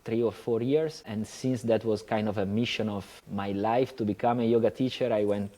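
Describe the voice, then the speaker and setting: A man from Italy with an Italian accent, a guest telling his story in a relaxed, hesitant way with many pauses. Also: fairly low pitch. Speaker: guest, yoga teacher. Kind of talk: casual interview talk.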